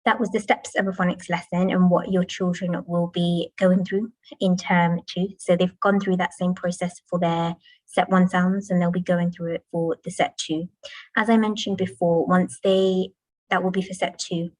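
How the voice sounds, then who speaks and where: Low-voiced teacher explaining to parents. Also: female voice, a little mellow, no room sound, rough recording. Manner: clear, patient explaining with modelled classroom chants. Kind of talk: presentation to parents. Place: school, indoors.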